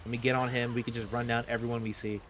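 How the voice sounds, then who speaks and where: A man co-casting an esports match, breaking down the plays in a quick conversational way. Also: medium pitch, level tone, a bit bright, slight background noise. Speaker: esports color commentator. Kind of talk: game analysis commentary.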